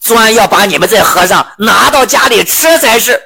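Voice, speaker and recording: A man's voice: high-pitched, animated, moderate pace, vocal fry, sharp tone, breathy edge, pitched above the performer's own voice, exaggerated voice. A man voicing a mob of hungry mountain demons who taunt a monk. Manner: menacing taunts.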